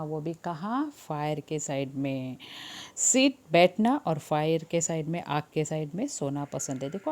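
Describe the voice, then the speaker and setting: A woman's voice: fairly low pitch, darkish tone. A woman teacher, reading a story to children and explaining each line. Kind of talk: bilingual story lesson for children.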